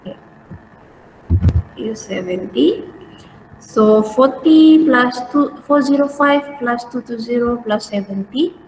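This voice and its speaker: A woman with a Malaysian accent teaching an informal online lesson step by step, in colloquial Malaysian English sprinkled with particles like lah and eh. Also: a little high. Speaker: accounting teacher. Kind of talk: informal online lesson, talking through worked steps. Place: indoors, online class. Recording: roomy, distant mic, faint noise.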